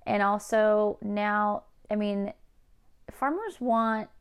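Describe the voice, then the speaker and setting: A woman's voice: mid-range voice, slow, smooth. A woman from California hosting a podcast, talking in a casual monologue full of swearing, jokes and side-tracks. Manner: profane, joking, self-interrupting asides. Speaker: podcast host.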